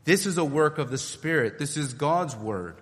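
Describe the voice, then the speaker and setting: A man's voice: on the high side, lively intonation, normal speed, fairly bright tone, big-room sound. A man preaching a sermon in an earnest way, building his points through rhetorical questions.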